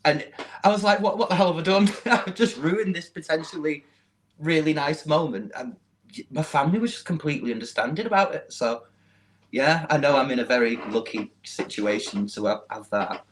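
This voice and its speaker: A man's voice: on the high side, animated, fairly quick, a little hiss or hum, rough recording. A young man from Manchester with a Mancunian accent, chatting casually as a podcast guest and often laughing at himself. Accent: Mancunian English. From Manchester, England. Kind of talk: casual chat.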